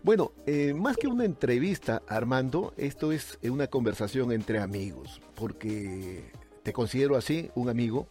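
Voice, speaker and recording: A man's voice: mid-range voice, expressive, normal speed, warm tone, soft background music. A man hosting an interview, effusive and full of hesitations and fillers. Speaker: interview host. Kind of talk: casual interview conversation.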